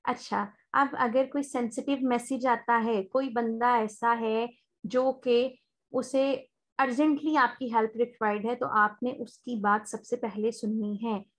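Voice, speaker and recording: A woman with a Pakistani accent teaching an online spoken English class, explaining step by step and slowing down for polite sample phone lines. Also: on the high side, fairly even intonation.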